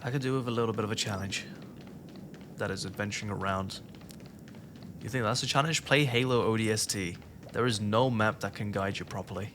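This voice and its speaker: A man's voice: fairly low pitch, a little fast, pauses often, fairly bright tone. A man casually commenting as he plays a video game, with wry asides and mutters. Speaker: gaming video host. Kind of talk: casual let's-play commentary. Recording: game audio with noise behind.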